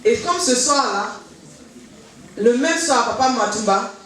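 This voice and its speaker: A woman's voice: fairly high pitch, animated, slow pace, a bit bright. A woman giving a personal church testimony, telling her story with animation and acting out the dialogue she remembers. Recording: very echoey hall, voice from far off, faint noise.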